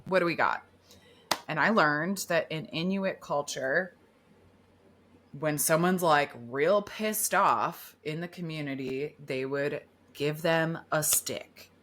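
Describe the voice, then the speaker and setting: A woman hosting a podcast in casual chat, candid and expressive, who swears freely. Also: low voice, slow, a little hiss or hum. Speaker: podcast host.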